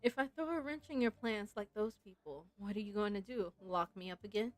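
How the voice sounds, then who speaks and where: With a medium-pitched, fairly quick voice and no room sound, a woman streams a game live, chatting casually and playfully reading its story aloud. She comes across as a giggly fan, with game music behind her.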